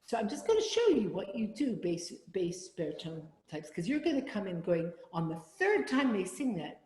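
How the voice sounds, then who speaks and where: A woman's voice: medium pitch, big pitch swings, moderate pace, darkish tone, a little hiss or hum. A woman leading an online choir rehearsal, giving instructions and singing example phrases between them. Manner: demonstrates sung phrases between spoken instructions. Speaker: choir leader. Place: home room. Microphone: video call. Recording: roomy video call with reverb.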